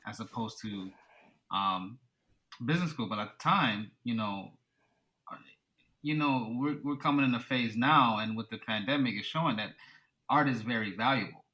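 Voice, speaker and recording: In a low-quality recording, a thirtysomething man from the US chats casually as a podcast guest, thinking things through carefully and peppering his speech with "you know." He speaks in a bright, forceful, mid-range voice at a moderate pace, pausing often.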